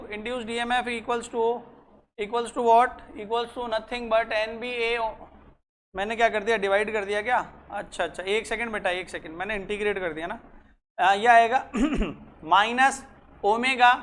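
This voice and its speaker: Physics teacher dictating slowly. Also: mid-range voice, fairly bright tone. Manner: dictates slowly, repeats phrases, quizzes students. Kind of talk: classroom lecture mixing Hindi and English.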